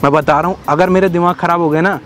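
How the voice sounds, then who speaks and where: A man's voice: a little high, fairly even intonation, quick pace, crowd noise. A young man hosting a prank in a park, first begging politely, then teasing and threatening. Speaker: prankster host. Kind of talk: prank video banter. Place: outdoor park.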